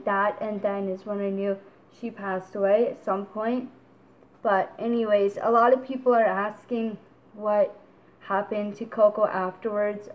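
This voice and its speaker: A woman's voice: mid-range voice, poor audio. A young adult woman vlogging casually, tearful and rambling, with lots of fillers as she tells a story.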